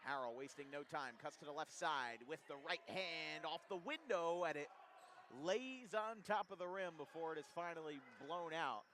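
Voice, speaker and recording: A man calling a college basketball game play by play, his calls rising sharply on made shots and settling into steady stat reading between plays. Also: fairly high pitch, moderate pace, slight background noise. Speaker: play-by-play commentator.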